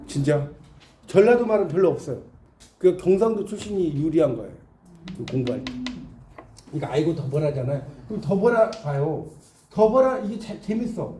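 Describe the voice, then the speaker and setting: A man's voice: sits high, sing-song, moderate pace, mellow, slight background noise. Chatty man lecturing in an echoey classroom. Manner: chatty, explains with examples and asks the class questions.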